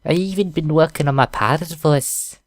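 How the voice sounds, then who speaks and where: A man's voice: fairly high pitch, normal speed, no echo, studio quality, voice pushed up, natural voice. A man reading a cheerful girl's mock pirate bluster. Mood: playful bluster. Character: cheerful teenage girl playing pirate.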